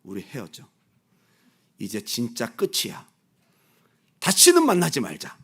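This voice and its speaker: A man's voice: measured pace, husky, exaggerated voice. A man playing a fed-up young woman ending it. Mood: cold. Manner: low, flat, cold and final.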